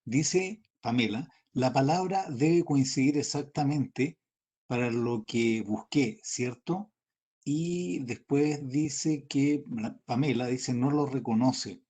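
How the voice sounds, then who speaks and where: Male moderator, mid pitch, quick casual relaying of questions over a call. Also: dark tone, husky. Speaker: class moderator. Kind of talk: online class chat relay. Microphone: video call.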